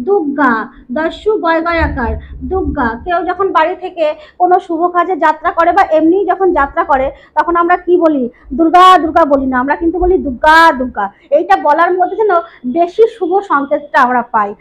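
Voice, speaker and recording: A woman teaching a Bengali grammar lesson, repeating definitions and asking her students rhetorical questions. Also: extremely high pitch. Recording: dull lo-fi recording.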